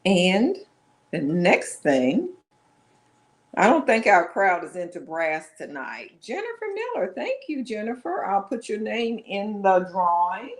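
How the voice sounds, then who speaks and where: A woman's voice: medium pitch, big pitch swings, slow. A woman presenting items in a live online sale, chatting casually and meandering, often correcting herself. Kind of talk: casual live-stream selling chat.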